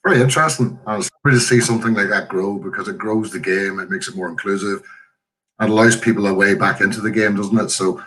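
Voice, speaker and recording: A man's voice: fairly low pitch, steady tone, fast talker, a bit bright, poor audio. A man hosting a casual live interview in an effusive, encouraging way. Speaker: host.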